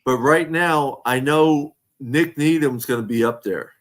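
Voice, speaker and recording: Man, casual fan talk host, slightly slurred speech, rambling delivery, average pitch, video call audio. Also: unhurried. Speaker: podcast host. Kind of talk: casual fan livestream chat.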